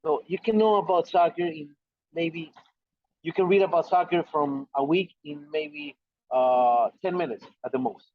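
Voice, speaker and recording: A man with an Ecuadorian Spanish accent talks about soccer over a video call. His voice sits a little high, and it comes through a dull, lo-fi line. The sound is dry and close, with no room around it. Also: normal speed, no room sound. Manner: repeats words, friendly and self-assured. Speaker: soccer correspondent guest. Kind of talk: casual podcast chat.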